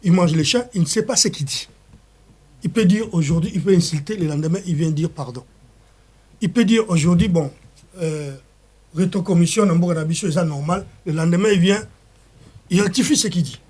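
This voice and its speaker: A Congolese man with a Congolese French accent speaks in a high voice as a guest in a heated political interview. He talks passionately and repeats words, restarting his sentences as he pushes his point. His French is mixed with Lingala phrases. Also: normal speed, long pauses, darkish tone, slightly rough. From Democratic Republic of the Congo. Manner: impassioned, repetitive, stumbling restarts.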